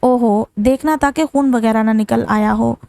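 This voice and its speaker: A woman's voice: on the high side, unhurried, gravelly, warm tone, no echo. A woman voicing a stern, impatient young husband and father in a firm, brusque way.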